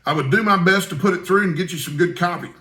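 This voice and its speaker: Male reader as keen young storybook journalist, respectful and daring, slightly high bright voice, echoey room. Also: quick pace. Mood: earnest pleading. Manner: deferential, earnest. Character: eager young male reporter, earnest and daring.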